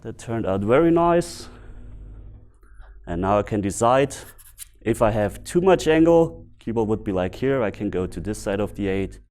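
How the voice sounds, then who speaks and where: A man from Bavaria with a German accent, a native German speaker giving casual, unscripted instructional commentary as a video host, pausing to find his words. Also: fairly low pitch, expressive, darkish tone. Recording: music behind the voice. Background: background music.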